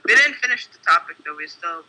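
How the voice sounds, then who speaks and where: A man's voice: high voice, expressive, brisk, bright, forceful tone, poor audio. A man joining a casual live-stream chat as a guest, joking and playful.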